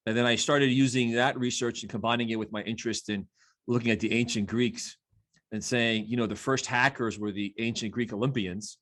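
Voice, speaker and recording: A man's voice: lowish voice, fairly bright tone. A man in his fifties with a New Jersey accent, a physician guest talking eagerly in a casual interview and fond of rhyming catchphrases.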